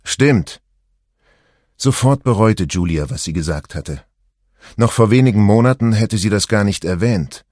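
Cast: male audiobook narrator, calm and even, low voice, dry booth sound. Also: normal speed, no echo. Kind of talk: scripted narration.

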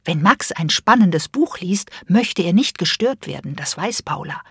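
Female storyteller, breathy tone, close dry read of a children's tale. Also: lowish voice, animated, measured pace, a bit bright, no room sound. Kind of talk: reading a children's story aloud.

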